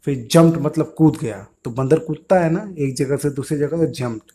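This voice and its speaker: A man's voice: fairly high pitch, normal speed, warm tone, slightly rough. A man teaching English words to young children, patiently asking questions and answering them himself.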